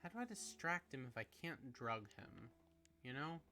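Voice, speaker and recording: A man plays through a horror adventure game, mumbling his puzzle ideas and reading notes aloud. His mid-range voice leaps up sharply when something startles him, and soft music plays behind him. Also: normal speed. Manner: musing aloud, jumping to excited high exclamations. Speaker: game streamer. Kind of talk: let's play commentary.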